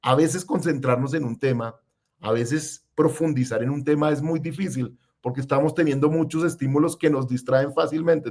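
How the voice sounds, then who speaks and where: Male comms pro, slightly high voice, emphatic, direct advice. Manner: emphatic, gives direct recommendations. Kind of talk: podcast conversation.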